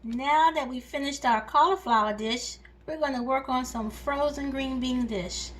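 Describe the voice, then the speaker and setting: A woman's voice: high-pitched, moderate pace, a bit bright. Chatty woman cooking in her kitchen. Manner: chatty and homey, talks viewers through each step. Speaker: home cooking channel host. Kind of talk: casual cooking demonstration. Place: home kitchen.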